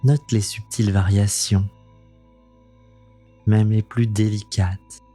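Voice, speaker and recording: Low, slow, intimate male meditation guide. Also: little pitch movement, soft background music. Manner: soothing, unhurried, gentle delivery.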